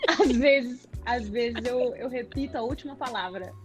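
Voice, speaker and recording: A woman's voice: on the high side, measured pace, soft background music. A woman hosting a podcast as a psychologist, chatting casually and laughing often.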